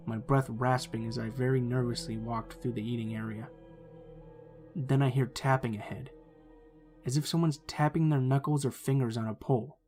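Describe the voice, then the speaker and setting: A man reading a true scary story aloud as the channel's narrator, in a steady, measured storytelling delivery. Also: medium pitch.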